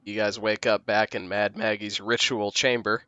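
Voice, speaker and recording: A man narrating a tabletop game as game master in an unhurried, descriptive way, laughing easily. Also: on the low side, little pitch movement, noisy background.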